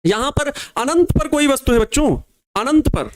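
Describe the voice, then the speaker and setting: A young man teaching physics in a board exam crash course, repeating key phrases slowly for students to write down and coaxing them with casual asides. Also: very high voice, very animated. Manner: casual asides calling students babua and babu.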